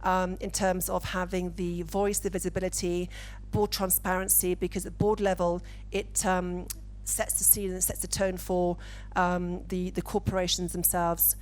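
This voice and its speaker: A woman from the UK speaking as a panelist, measured and deliberate, on a conference stage with a handheld mic. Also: lowish voice, level tone, darkish tone. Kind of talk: panel discussion.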